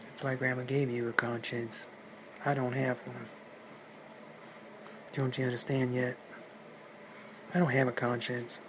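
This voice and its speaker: A man's voice: medium pitch, little pitch movement, measured pace, pauses often, natural voice. A man voicing a sly, scheming male big bad wolf who taunts and menaces in slangy talk, on a noisy recording. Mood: taunting.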